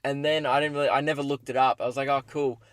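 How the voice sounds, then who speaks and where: A man's voice: mid-range voice, little pitch movement, quick pace, a bit bright, no echo. A young man with an Australian accent rambling casually and jokingly through a solo podcast, recorded inside a parked car. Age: young adult. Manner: self-deprecating, joking.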